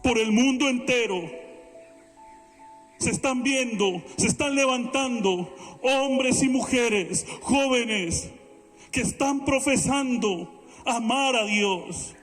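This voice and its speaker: Man, pastor, high-pitched, slow measured preaching, earnest, reverberant hall. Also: fairly bright tone, soft background music. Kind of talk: sermon.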